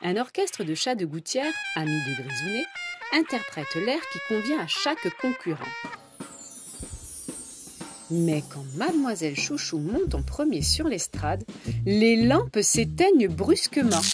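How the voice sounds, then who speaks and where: A woman reading a children's storybook aloud in an expressive, animated way, with swooping emphasis. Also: mid-range voice, measured pace. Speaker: storybook reader. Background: background music.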